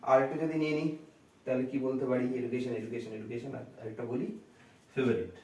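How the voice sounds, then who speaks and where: A man teaching an English grammar lesson, breaking words slowly into syllables and answering his own questions to the class. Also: mid-range voice, a little mellow, slight background noise. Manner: asks the class questions and answers them himself. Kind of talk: classroom lecture. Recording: roomy echo, voice from a distance.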